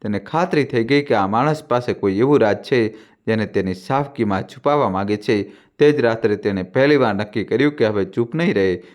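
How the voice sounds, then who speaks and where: A man giving steady, dramatic scripted narration of a family drama story. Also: fairly low pitch, brisk.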